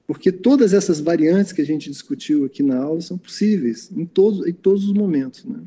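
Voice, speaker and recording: A Brazilian man answers questions after an online lecture, circling back with fillers and restarts as he explains. His voice sits a little high but has a dark, mellow tone. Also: animated, a little fast, breathy edge. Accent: Brazilian Portuguese. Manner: hesitant, many fillers and restarts.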